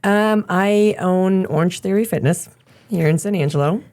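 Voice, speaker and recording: A woman in her thirties from Germany, a gym owner chatting casually as a podcast guest, relaxed and laughing often. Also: mid-range voice, normal speed. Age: 30s. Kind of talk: casual interview chat.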